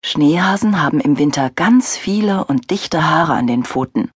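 A gentle, playful young father, as a woman narrator puts him on, speaking fondly and teasingly in a slightly husky mid-range voice. The sound is close and dry, like a studio audiobook. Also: low voice, animated, normal speed, no echo.

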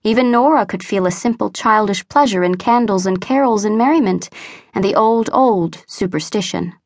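A woman's voice: medium pitch, moderate pace, no echo, clean studio sound. Woman reading a classic story. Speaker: audiobook narrator. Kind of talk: scripted storybook narration.

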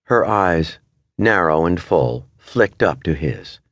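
Brief: male audiobook narrator, slow and measured, lively intonation, dry close sound. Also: sits low, no echo. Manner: measured, expressive. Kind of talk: scripted literary narration. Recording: dry studio recording.

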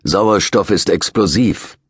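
A man voicing a blunt prison nurse in an audiobook, sardonic and brisk. He scolds in short bursts, with a husky tone over a deep voice. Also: no room sound, clean studio sound, exaggerated voice. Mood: scolding.

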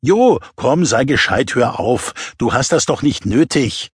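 Narrator doing a disapproving young guy, slow and reproachful, husky, dry. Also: medium pitch, big pitch swings, no echo, exaggerated voice. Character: sober, disapproving young male student.

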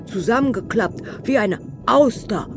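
A fussy old sea turtle, put on by a woman narrating a children's audiobook grumbles along in a slow, drawn-out voice that sits a bit high. He sounds put-upon and easily winded, with music playing softly underneath. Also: expressive. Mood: huffy.

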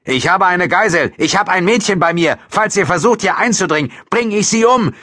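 A man voicing a threatening male killer who yells from behind a door, in an audiobook. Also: sits high, expressive, normal speed, dry recording, clean studio sound, voice pushed up, full character voice. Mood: menacing. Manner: shouted threats.

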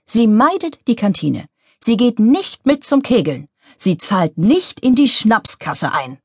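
A woman's voice: a little high, big pitch swings, slow pace, darkish tone, husky, dry recording, clean studio sound, pitched above the performer's own voice, heavily acted. A woman voicing a snide, venomous female office colleague who swears by astrology.

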